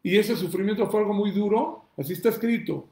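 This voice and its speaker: Male rabbi, fiery question-and-answer sermon delivery, high-pitched, recorded in a reverberant room. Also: a little fast. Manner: emphatic preacher, asks and answers his own questions, shouts calls to God.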